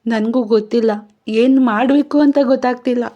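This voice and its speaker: A woman's voice: a little high, fairly even intonation, normal speed, dull audio, pitched above the performer's own voice, lightly acted. A woman doing frightened young woman Manya. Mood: distressed. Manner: pleading, anxious. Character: frightened young woman, worried for her sister.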